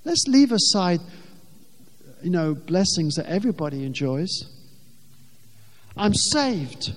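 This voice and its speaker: Brief: male preacher, high voice, emphatic, repeats words for weight, long hall echo. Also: very animated, takes it slowly. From England. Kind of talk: sermon. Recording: long reverb of a large hall.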